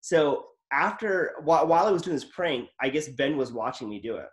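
A man's voice: fairly high pitch, expressive, normal speed. A man hosting a casual interview, telling stories in an enthusiastic, rambling way. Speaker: podcast host.

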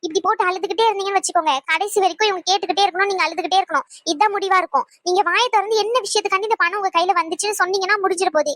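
A woman's voice: very high voice, very fast, hardly any pauses, fairly bright tone, dry recording. Woman voicing a pushy young cartoon girl. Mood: insistent. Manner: insistent, argumentative. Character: sharp-tongued young granddaughter questioning grandma. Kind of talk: cartoon voice acting.

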